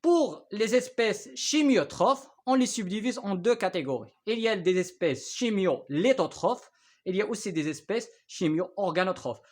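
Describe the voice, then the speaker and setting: A man's voice: high-pitched, animated, moderate pace, a little mellow. A man from Morocco teaching a biology lesson, explaining terms step by step with many hesitations and frequent checks for understanding. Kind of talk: recorded lesson. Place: Canada.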